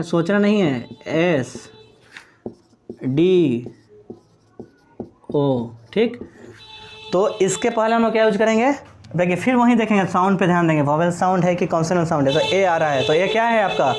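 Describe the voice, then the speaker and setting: With a high, slightly mellow voice, a man delivers a classroom-style lecture on English grammar in Hindi. He raises questions, answers them himself, and spells out words one letter at a time.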